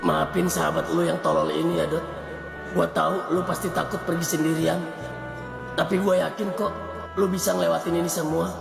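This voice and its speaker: An actor with a Jakarta accent voicing a goofy, melodramatic young male best friend in an animated comedy. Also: mid-range voice, fairly quick, gravelly. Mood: melodramatic urging. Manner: melodramatic, teasing. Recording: music behind the voice.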